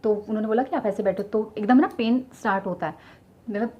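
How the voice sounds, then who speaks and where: A woman's voice: medium pitch, a little fast, darkish tone. A young woman chatting directly to her viewers, telling a personal story with lots of fillers. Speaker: vlogger sharing her childbirth story. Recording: slightly dull lo-fi sound with faint ambience.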